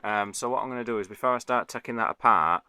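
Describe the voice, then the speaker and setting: Over loud music, a man with a fairly low voice talks quickly into his phone. He's a hobbyist video maker explaining a repair, rambling casually and often correcting himself apologetically.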